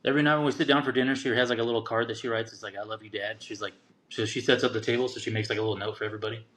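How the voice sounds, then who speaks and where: A man's voice: medium pitch, steady tone, very fast, fairly bright tone. A man who is a guest on a podcast, chatting casually in laid-back slang. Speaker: guest father. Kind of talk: casual interview chat.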